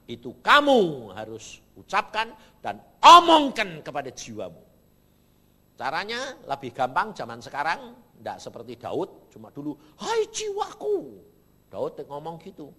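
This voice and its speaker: In a large church hall, a male pastor delivers a sermon in Indonesian with a Javanese-influenced accent. His storytelling is animated, swinging between loud and low.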